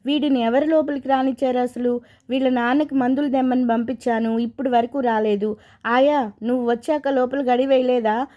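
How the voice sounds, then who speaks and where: A woman's voice: high voice, fairly even intonation, moderate pace, warm tone, natural voice. A woman voicing a stern female hospital doctor who scolds sharply. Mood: angry.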